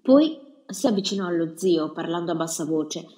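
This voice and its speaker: A woman reading a historical novel aloud in the first person with a measured, dramatic delivery. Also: lowish voice, animated, mellow. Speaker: audiobook reader. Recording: roomy echo.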